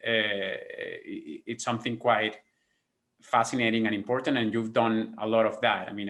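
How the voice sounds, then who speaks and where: A man's voice: fairly low pitch, a bit bright. A man in his thirties hosting an interview over a video call from a home office, friendly and searching for words with many fillers. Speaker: host. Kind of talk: interview questions.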